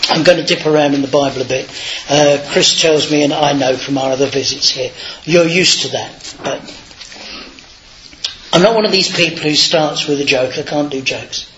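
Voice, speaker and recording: A man's voice: on the high side, moderate pace, a bit bright, slight background noise. A man giving an informal, anecdotal sermon in a chatty, self-deprecating way, on a dull lo-fi recording. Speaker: lay preacher.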